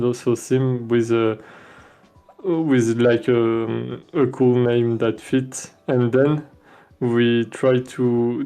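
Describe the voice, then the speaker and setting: A French-accented man with a warm, smooth, medium-pitched voice chats casually during a game development stream. He hesitates a lot, filling gaps with fillers and frequently restarting his sentences.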